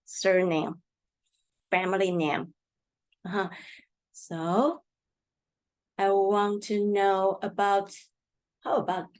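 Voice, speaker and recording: A woman with Mandarin as her first language teaching a Chinese lesson in English. She speaks very slowly, at an ordinary pitch for a woman. She patiently repeats each word for her learners. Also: a little mellow. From Taiwan. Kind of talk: slow language lesson explanation.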